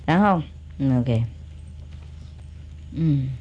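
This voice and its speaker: A woman's voice: extremely low pitch, drawn-out words, highs cut off, slight background noise. Playful woman telling a story to children. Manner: animated, humorous, laughs often, chatty asides. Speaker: spiritual teacher.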